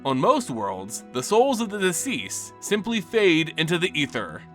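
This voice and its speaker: A lore-channel narrator, his pitch fairly high and wildly swooping, speaks a little slowly in a fairly bright tone. The scripted fantasy story gets a dramatic, theatrical telling, with background music underneath.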